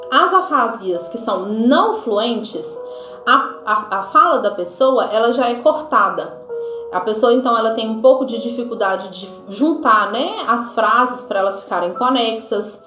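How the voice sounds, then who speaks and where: A Brazilian woman nurse explains a health topic in a relaxed teaching manner, dropping casual fillers as she goes. Her fairly high voice sounds roomy and a little dull, like a lo-fi home video. Soft music plays faintly underneath. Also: measured pace. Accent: Brazilian Portuguese. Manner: informal teaching, frequent fillers like "né" and "tá"; reads from notes at times. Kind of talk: explanatory health lesson to camera.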